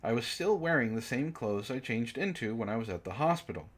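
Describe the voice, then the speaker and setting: This man's voice is mid-range with lively intonation, and he talks fairly quickly. As host of a comic book club, he reads fan fiction out loud, pausing to mock it with incredulous, fed-up remarks.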